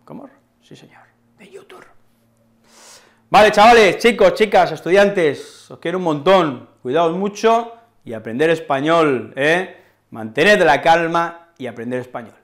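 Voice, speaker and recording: A man with an accent from Spain gives an online Spanish lesson. His voice sits a touch high and stays animated as he patiently walks his students through each point, checking in with them as he goes. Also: a little slow. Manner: animated, explains patiently with frequent tag questions. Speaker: Spanish teacher.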